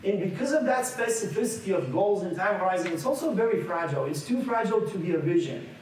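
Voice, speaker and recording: His voice sits high and a little mellow, fast and expressive, with a little hiss or hum in the recording. He's a man in his forties from Bulgaria leading an interactive seminar lecture as a workshop leader, chatting conversationally, frequently restarting and asking the room questions. The audio is echoey, captured from far off in a large meeting room.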